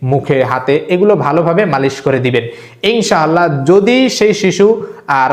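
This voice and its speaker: A man giving step-by-step religious instruction in a Bangladeshi Bengali accent. He gives brisk, repetitive directions and recites verses slowly for learners to copy. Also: on the high side. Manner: slow, drawn-out recitation of Arabic verses, repeated for learners; brisk, repetitive spoken instructions with frequent filler "ah". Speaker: Islamic teacher. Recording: echoey room.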